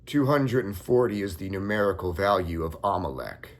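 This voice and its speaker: A young man calmly recounting a dream in a measured first-person story. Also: low voice. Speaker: occult content creator.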